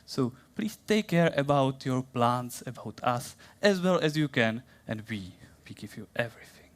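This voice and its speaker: A man's voice: medium pitch, lively intonation, a little hiss or hum. Czech man doing a playful science talk. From Czech Republic. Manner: playful, theatrical, halting English. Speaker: science communication contestant. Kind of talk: staged science talk in a plant's voice.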